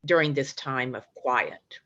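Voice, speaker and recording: Low, slow woman on a choppy video call. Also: expressive, pushed and bright. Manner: slow and hesitant, with many pauses. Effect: choppy, breaking-up video call audio. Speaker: group participant. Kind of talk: sharing in an online meditation group. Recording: dull, noisy video call connection.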